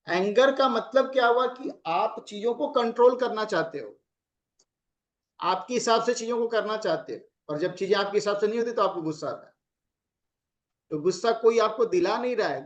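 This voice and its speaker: Middle-aged male relationship coach, high voice, conversational advice with acted-out examples. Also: dull audio. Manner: explains with acted examples of angry phrasing. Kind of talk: casual advice talk.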